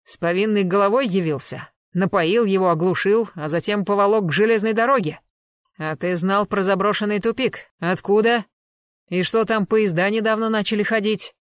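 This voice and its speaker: Brief: a reader doing a hulking male bodyguard, loud and threatening, dry close read. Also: high voice, normal speed, hardly any pauses, dry recording, natural voice. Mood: menacing. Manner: loud, bullying, interrogating. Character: burly menacing male bodyguard, rough and threatening.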